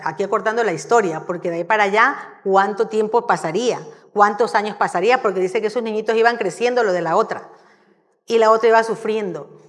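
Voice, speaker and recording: A woman giving a sermon in a church, telling the story in a lively, conversational way. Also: mid-range voice. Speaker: church speaker. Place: church hall. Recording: long hall reverb.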